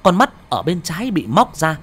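Man narrating horror, very expressive. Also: a little high, moderate pace, husky. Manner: dramatic, expressive.

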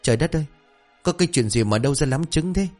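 A man voicing a shrill, exasperated village wife who scolds her husband. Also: animated, fast, a little mellow, faint music behind. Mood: shocked.

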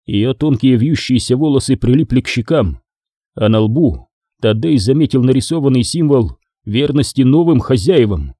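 A man narrating a science-fiction battle novel as an audiobook in a measured, even storytelling manner. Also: medium pitch, slightly rough, no room sound, clean studio sound.

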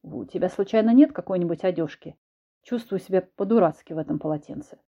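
A woman's voice: fairly low pitch, fast talker, dark tone, muffled recording. A woman voicing a blunt, commanding man who was once a cat, in an audiobook. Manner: curt, commanding.

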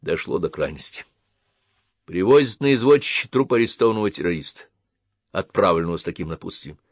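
A man reading a historical novel aloud as an audiobook narrator, with measured, dramatic storytelling. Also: sits low, animated, dry recording, clean studio sound.

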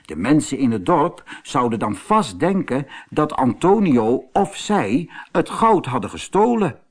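A man reading a Dutch fairy tale aloud as narrator, in a calm, measured manner. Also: medium pitch, husky. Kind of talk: storybook reading.

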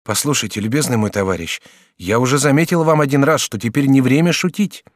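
A male audiobook reader voicing a courteous, talkative young student in his early twenties who speaks with a raised, excitable voice. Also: medium pitch, a little fast, no room sound, clean studio sound, voice pushed up, lightly acted. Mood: eager. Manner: bright, animated, polite and excitable. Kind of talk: audiobook character reading.

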